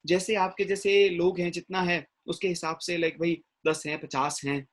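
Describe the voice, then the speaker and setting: A man's voice: high voice, level tone, normal speed. A man giving a classroom lecture as an English teacher, often checking in with his listeners. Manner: mixes English words into explanation, frequent "ठीक है ना?" check-ins.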